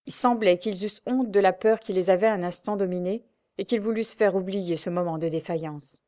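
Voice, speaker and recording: A woman narrating an adventure novel aloud in a steady, dramatic storytelling voice. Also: mid-range voice, brisk. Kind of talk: audiobook reading of an adventure novel.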